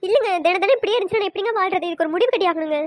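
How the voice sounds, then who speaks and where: A woman's voice: extremely high pitch, fairly even intonation, racing, a bit bright, dry recording, clean studio sound. A woman voicing a timid, tearful young daughter-in-law who pleads meekly in a cartoon. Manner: meek, pleading, whiny. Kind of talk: cartoon voice acting.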